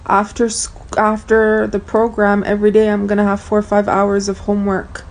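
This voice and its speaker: Speaking to her viewers in a vlog, a woman whose native language is Armenian talks in a frank, chatty, casual way. Her mid-range voice stays monotone at a moderate pace.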